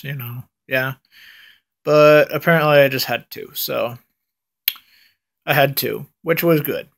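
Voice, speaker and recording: A young man records a casual vlog after getting his wisdom teeth out, with gauze in his mouth. His voice is slightly high and clear. He speaks slowly and in a subdued, halting way, trailing off at times. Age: young adult. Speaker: vlogger. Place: indoors at home, close up. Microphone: phone or camera at arm's length.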